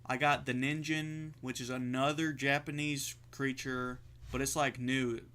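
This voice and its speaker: A man's voice: medium pitch, little pitch movement, measured pace, sharp tone, a little hiss or hum. A man co-hosting a podcast in casual chat, rambling with lots of fillers and swearing freely. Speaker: podcast co-host.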